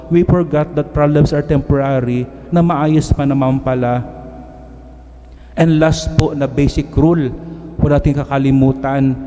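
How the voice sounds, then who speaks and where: A middle-aged Filipino man, a priest, delivers an earnest, emphatic homily at a stand mic on the pulpit of a large church, switching between languages. His voice is fairly high-pitched with a warm tone, and the church hall is reverberant.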